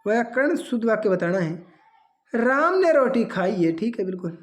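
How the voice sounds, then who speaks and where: A woman's voice: fairly high pitch, very animated, moderate pace. A woman teaching an exam-prep grammar lesson, reading out answer options and then correcting them.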